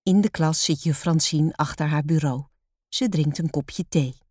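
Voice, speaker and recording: A woman reading a children's storybook aloud in a calm, measured way. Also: sits low, no echo, clean studio sound.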